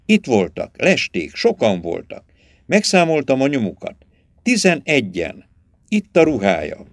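A man voicing a sharp-eyed young hunter who reports what he finds in short, urgent bursts. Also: medium pitch, huge pitch swings, no echo, studio quality.

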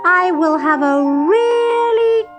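A woman voicing a small, cheerful male mouse with a squeaky voice in a storybook reading. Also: expressive, slow, over loud music, full character voice.

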